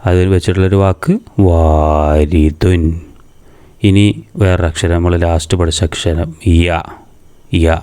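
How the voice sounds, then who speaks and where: A madrasa teacher from Kerala, India, walks through a reading lesson step by step in a deep, mellow, clean voice with a level tone. He patiently poses questions and answers them himself, pronouncing each sound slowly and repeating it.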